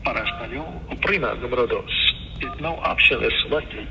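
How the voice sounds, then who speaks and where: A man's recorded voice on an automated phone menu, reading the options in a flat, measured way over a phone call. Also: medium pitch, vocal fry. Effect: recorded phone menu prompt heard over a phone call. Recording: phone speaker audio, reverberant, noisy.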